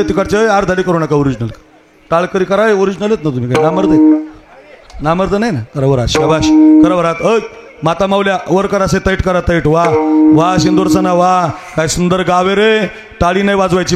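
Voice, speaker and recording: A man preaching a devotional kirtan sermon in a crowded festival pandal, rousing and commanding the crowd, with call-and-response. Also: on the high side.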